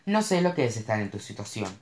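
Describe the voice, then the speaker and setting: A man's voice: fairly low pitch, sing-song, fast talker. A narrator voicing a rich young male actor who talks in a cocky, teasing way. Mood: teasing, blunt. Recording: roomy echo.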